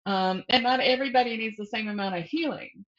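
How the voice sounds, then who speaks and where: A woman appears as a guest author in a casual interview, talking conversationally and thinking aloud with self-deprecating laughs. Her fairly high voice is fast and a bit bright, though the audio comes across slightly dull and muffled.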